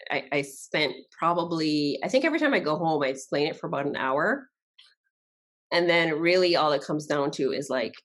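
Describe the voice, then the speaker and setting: Guest voice: woman from Barbados, low pitch, easy chatty delivery with frequent laughs. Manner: chatty, laughs often, acts out quotes. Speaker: podcast guest, social media strategist. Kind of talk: casual interview chat.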